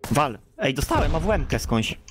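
A man's voice: on the high side, wildly swooping pitch, normal speed, background noise. A man chatting casually with his team in an online game.

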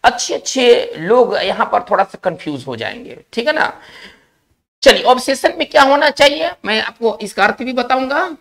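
A male teacher giving a spelling lesson, explaining slowly, repeating key words and checking in with his class. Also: extremely high pitch, animated, vocal fry, fairly bright tone.

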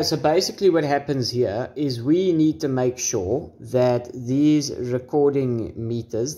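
Warm and mid-range, the voice belongs to a man in his twenties doing an informal how-to demonstration. He's indoors in a small room at home, joking wryly and swearing mildly as he goes. The recording comes from the camera's built-in microphone, whose distance from him keeps changing.

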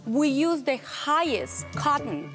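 Woman, Colombian accent, upbeat pitch, fairly high voice, soft music behind. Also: sing-song, slow. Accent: Colombian Spanish. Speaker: entrepreneur pitching to investors. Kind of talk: business pitch on a TV show. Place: large studio set.

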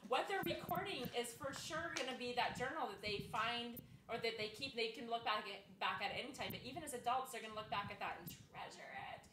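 A woman's voice: on the high side, lively intonation, fairly quick, few pauses. A woman hosting a casual live panel chat, talking earnestly and enthusiastically about family life. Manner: earnest, enthusiastic, faith-minded. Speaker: host. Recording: echoey room, far from the mic, background noise.

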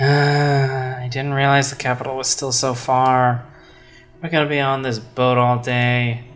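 A man reads game dialogue aloud, voicing a grumpy, sarcastic witch with a dry delivery that is only lightly acted. His mid-range voice is a bit bright, a little slow, and shows little pitch movement. Faint game music plays behind him.

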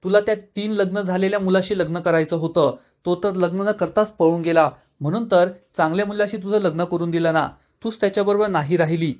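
A man reading the lines of a sharp-tongued married woman in a family quarrel, quick and snapping in his own voice. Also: high-pitched, steady tone, close to an everyday voice. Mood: angry.

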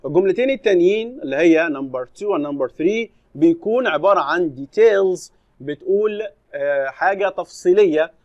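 Man, Egyptian Arabic accent, English teacher, slow careful reading, high pitch, dry lo-fi sound. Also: lively intonation, darkish tone, dry recording. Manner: reads English slowly, then explains in Arabic. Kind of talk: recorded classroom lesson explanation.

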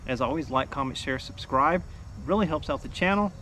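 A chatty man in his forties records a casual how-to vlog outdoors beside his house, on a close camera mic. His voice sits a little high, and he walks through his setup step by step in an upbeat way. Faint outdoor ambience sits under the speech. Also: brisk, sharp tone, a little hiss or hum. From United States. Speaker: off-grid homestead vlogger. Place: outdoors by a house wall in a backyard.

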